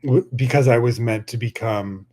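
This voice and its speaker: A man's voice: medium pitch, moderate pace, a little mellow. Rambling, gushing young man hosting a podcast. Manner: gushing and rambling, many fillers. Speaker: podcast host. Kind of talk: casual spiritual podcast talk.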